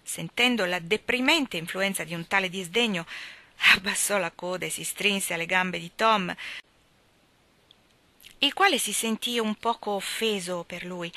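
A woman reading a novel aloud in a measured, steady narration. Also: fairly low pitch, no room sound. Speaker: audiobook reader.

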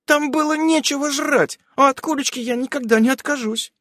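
A man voicing a blunt, lively teenage daughter. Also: very high voice, a little fast, dry recording, voice pushed up. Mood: cheeky. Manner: cheeky, outspoken.

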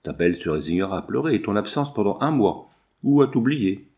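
A man's voice: lowish voice, sing-song, brisk, darkish tone. A man reading the part of an ironic, worldly husband who lectures his friend, in an audiobook character reading. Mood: warning. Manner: teasing, lecturing, lightly ironic.

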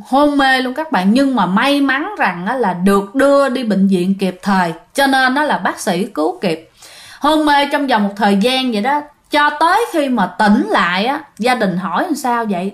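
Lady telling ghost stories, kinda high voice, super chatty, talks right to her listeners. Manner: chatty, addresses listeners directly, with fillers. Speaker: ghost story narrator. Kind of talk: casual spoken storytelling.

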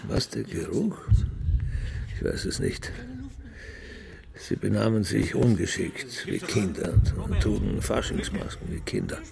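An actor playing a bitter old father who gives brooding, scornful testimony in a gravelly voice. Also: on the low side, heavily acted. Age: older. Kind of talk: radio play monologue.

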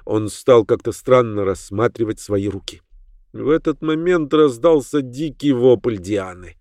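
Measured male audiobook narrator. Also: medium pitch, animated, darkish tone, no room sound, studio quality. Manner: measured, dramatic storytelling.

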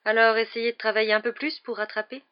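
In an audiobook, a reader voices a dramatic, mournful older woman fortune-teller with a haughty mood, theatrical and wailing with breathy dread. The mid-range voice is fast with little pitch movement and cut-off highs, pitched above the performer's own voice yet close to an everyday one.

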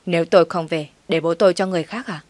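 A cold, curt young husband in a spoken story who scolds and shuts others down, read by a woman. The voice sits low and sounds close and dry. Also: fairly even intonation, fast, a little mellow, no room sound, close to an everyday voice.

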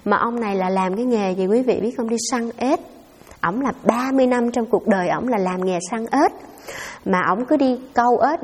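A woman's voice: on the high side, darkish tone, husky, long reverb tail. A Buddhist nun giving a dharma talk, answering questions in a conversational storytelling way and speaking straight to her listeners. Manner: conversational storytelling, addresses audience directly.

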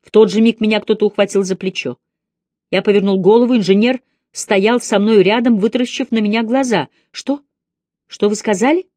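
A woman's voice: mid-range voice, fairly even intonation, fairly quick, mellow, no room sound. A woman narrating an audiobook of a classic novel, reading every character's lines herself with light shifts of voice. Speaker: audiobook reader.

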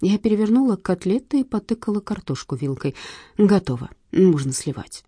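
A woman reading an audiobook in a lively, wry storytelling manner. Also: mid-range voice, moderate pace, husky, no room sound, studio quality. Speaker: narrator. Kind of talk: audiobook narration.

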